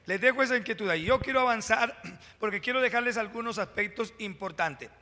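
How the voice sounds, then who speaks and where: Bright-voiced pastor preaching in a hall. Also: male voice, high voice. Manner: preaching with dramatic pauses, rising emphasis and asides to the congregation. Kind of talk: sermon. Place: church sanctuary. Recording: long hall reverb from a church.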